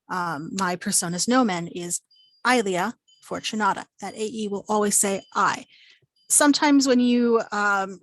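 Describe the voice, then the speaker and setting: A woman gives an online class, explaining step by step in an unscripted way, often pausing with ums and restarting her phrases. Her voice sits in a middle pitch. The recording is dry and close, with no room echo. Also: a bit bright. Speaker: Latin teacher. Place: home, virtual presentation.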